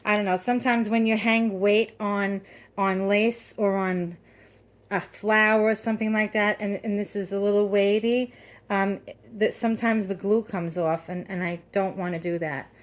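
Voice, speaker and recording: A woman's voice: medium pitch, steady tone, moderate pace. Chatty woman showing her crafts at home. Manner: chatty, rambling, many fillers and restarts. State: out of breath. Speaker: craft video host. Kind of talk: casual show-and-tell.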